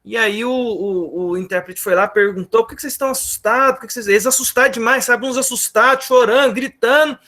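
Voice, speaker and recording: A man's voice: extremely high pitch, fast talker, hardly any pauses. A man with a Brazilian accent teaching a Sunday Bible class, telling a story with acted-out dialogue and asides to the class. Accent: Brazilian Portuguese. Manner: animated storyteller, acts out dialogue, frequent "né?" and "gente". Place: church classroom.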